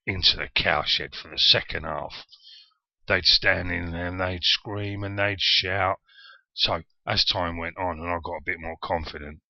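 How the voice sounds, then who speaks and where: A man in his forties with a southern English accent, born in Yorkshire, tells a personal story in a lively, self-mocking, conversational way. His voice sits very low. The recording is dry and a little dull, with a lo-fi sound. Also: no echo. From Yorkshire, England. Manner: self-deprecating, chatty and animated. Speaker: vlogger.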